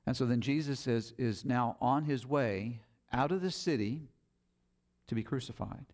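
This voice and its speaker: A man's voice: medium pitch, a little slow, a little mellow. A man preaching a sermon, retelling scripture in plain, conversational paraphrase.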